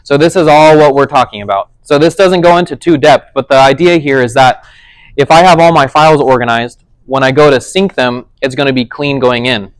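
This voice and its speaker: This man's voice is medium in pitch, clear and resonant, and moves a little fast. Teaching an informal tech class, he explains conversationally and keeps asking "does that make sense" to see if listeners follow; the recording is rough, with no room sound.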